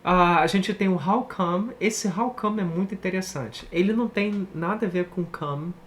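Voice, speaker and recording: A man with a Brazilian Portuguese accent giving a casual online English lesson, chatty and animated, often checking in with the viewer. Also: high-pitched, moderate pace. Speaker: English teacher.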